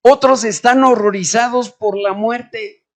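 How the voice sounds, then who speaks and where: A man preaching a sermon in church as pastor, asking the congregation questions and moving between loud and quiet delivery. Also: extremely high pitch, fairly even intonation, measured pace.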